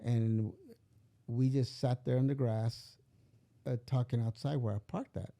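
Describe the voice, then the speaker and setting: Speaking a little slowly in a medium-pitched voice that's steady, creaky and warm, an older father rambles through a long personal story in a casual interview. He acts out the dialogue he quotes.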